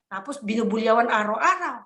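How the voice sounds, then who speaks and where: A woman voicing a young wife who is fed up with her mother-in-law and complains rapidly and in exasperation. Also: a little high, lively intonation, bright, forceful tone. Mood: exasperated. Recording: echoey room.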